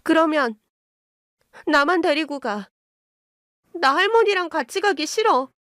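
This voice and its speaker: A woman's voice: high-pitched, sing-song, a little slow, dry recording, clean studio sound, exaggerated voice. A woman voicing an anxious daughter who pleads tearfully with her mother. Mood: pleading.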